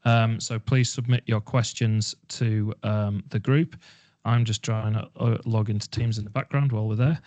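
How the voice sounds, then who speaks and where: A man hosting an online team meeting, talking in a relaxed, reflective way with fillers. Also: lowish voice, normal speed. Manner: conversational, reflective, uses fillers. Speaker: webinar host. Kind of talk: casual online meeting chat.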